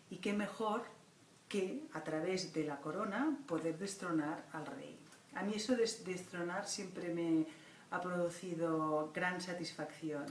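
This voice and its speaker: A woman, a children's book author and illustrator, reflecting thoughtfully in an interview, halting often with "ah" fillers. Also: on the low side. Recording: roomy distant mic with faint noise.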